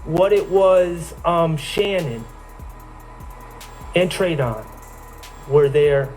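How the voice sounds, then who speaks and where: A man working as a defense attorney, cross-examining a witness in court with measured, pointed questions that often end in "correct?". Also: on the high side, animated, a little mellow, faint music behind, poor audio.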